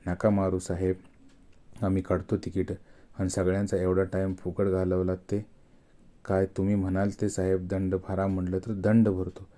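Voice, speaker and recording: A man's voice: sits low, completely flat delivery, moderate pace, warm tone, lightly acted. A man voicing a frightened male passenger pleading with an officer. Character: cowed male passenger begging for mercy.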